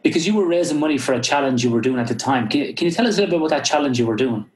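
Racing along with lively intonation in a medium-pitched voice, an Irish-accented man hosts a podcast interview from his Australian home. He's upbeat and encouraging as he introduces his guest and asks questions.

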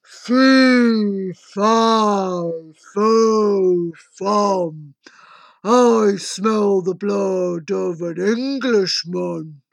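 A woman doing a big booming grumpy giant. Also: vocal fry, no echo. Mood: menacing. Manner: booming, slow, drawn-out. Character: big, menacing, grumpy man-eating male giant.

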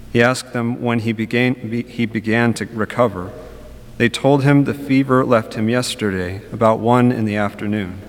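A young adult man reading the gospel and preaching in a large church, speaking in earnest short phrases, with a cathedral echo. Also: mid-range voice. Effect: cathedral echo, long church reverb. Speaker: preacher at a Mass. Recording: long reverb of a large church.

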